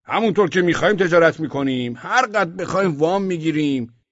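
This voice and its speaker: A man's voice: a little high, lively intonation, no room sound, voice pushed up. A man voicing a smug, boastful merchant in an audiobook, emphatic and self-satisfied. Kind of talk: audiobook character voice. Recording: dull, dry audio.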